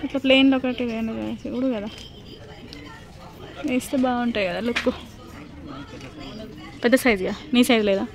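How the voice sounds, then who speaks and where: A woman's voice: fairly high pitch, moderate pace, pauses often, crowd noise. A young mother, chatting to camera and coaxing and fussing over her small son. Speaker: mother vlogging a family outing. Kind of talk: casual family vlog. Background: background music.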